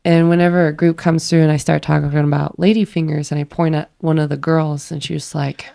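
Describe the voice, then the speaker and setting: A woman's voice: low-pitched, little pitch movement, a little fast, creaky, mellow, dry recording, studio quality. A woman, a haunted-attraction actor and podcast guest, casually telling stories about scaring visitors with a laugh.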